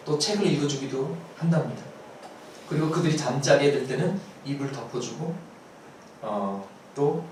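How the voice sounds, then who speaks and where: A man's voice: fairly high pitch, darkish tone, a little hiss or hum. A male pastor giving a Sunday sermon, preaching emphatically with rhetorical questions and repeated rising cries. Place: church sanctuary. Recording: echoey church hall, mic at a distance.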